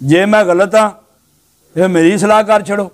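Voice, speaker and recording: A male preacher giving a sermon to a gathering, telling stories animatedly and swinging between loud exhortation and low, hushed asides. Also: steady tone, moderate pace.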